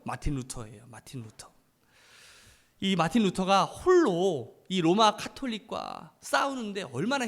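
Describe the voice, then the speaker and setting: High-voiced male pastor preaching. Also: fairly bright tone. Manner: earnest and emphatic, rising to fervent blessings. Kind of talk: sermon. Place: church.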